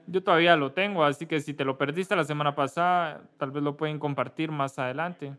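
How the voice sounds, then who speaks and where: A man from Kentucky, a pastor giving casual church announcements, halting and correcting himself often. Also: a little high, fairly even intonation, a bit bright. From Kentucky, USA. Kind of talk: church announcements before a service.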